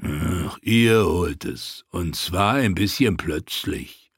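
A man voicing a brutish, dim-witted male slave-soldier sergeant who speaks gruffly, slowly and with contempt, in an audiobook. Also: sits low, animated, no echo, clean studio sound, pitched below the performer's own voice, heavily acted. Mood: contemptuous.

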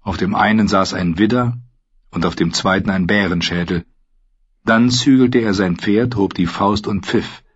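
A man reading an audiobook in a measured, low-key narration. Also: breathy edge. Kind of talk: scripted narration. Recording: dull lo-fi recording.

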